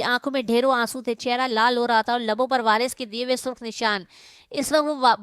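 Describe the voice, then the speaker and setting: Brief: woman narrator for a romance audiobook, smooth and clear, a bit high. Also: a bit bright, dry recording, studio quality. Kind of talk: scripted narration of a romance novel.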